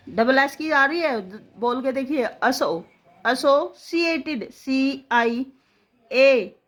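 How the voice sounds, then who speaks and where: Slow woman spelling teacher. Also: sits high. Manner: slow, drawn-out syllable-by-syllable dictation. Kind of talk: spelling lesson, sounding out letters.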